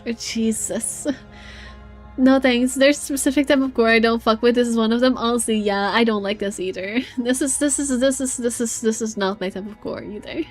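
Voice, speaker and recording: Female streamer, slightly high pitch, casual reactive gameplay chat over faint music. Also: steady tone, moderate pace. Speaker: game streamer.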